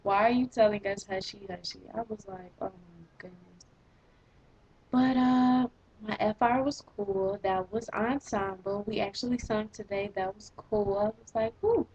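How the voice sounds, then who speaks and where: A teenage girl in eleventh grade ranting in a casual vlog, sarcastic and exasperated, with a slightly husky voice. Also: medium pitch, moderate pace, few pauses, highs cut off. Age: teens. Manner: exasperated, sarcastic, animated complaining. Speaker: vlogger.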